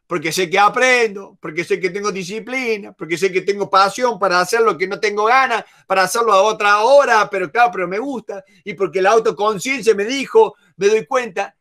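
A man's voice: high-pitched, a bit bright. A man with an Argentine accent teaching a negotiation class, emphatic and repetitive, acting out short examples. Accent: Rioplatense Spanish. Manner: emphatic, repeats key words, acts out examples. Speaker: negotiation trainer. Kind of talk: lively online masterclass.

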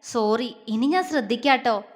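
A woman's voice: on the high side, normal speed, in a large hall, lightly acted. A woman voicing a tender, protective young man in an audio story, coaxing and affectionate.

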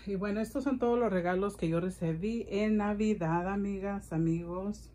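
In this gift-haul vlog, a middle-aged woman speaks casually from a room in her home, rambling and repeating herself. Her voice is medium in pitch and warm, her speed normal, with slight background noise.

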